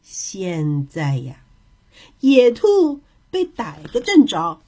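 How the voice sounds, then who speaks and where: A woman narrating a children's story aloud in a gentle, expressive manner. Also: medium pitch, drawn-out words.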